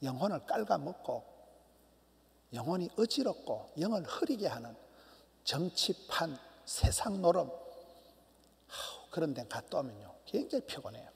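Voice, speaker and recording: A middle-aged man, a pastor, preaching a sermon emphatically, swinging from loud cries to hushed near-whispers. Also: on the high side, sing-song, measured pace, gravelly, long pauses. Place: church sanctuary. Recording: long church hall reverb.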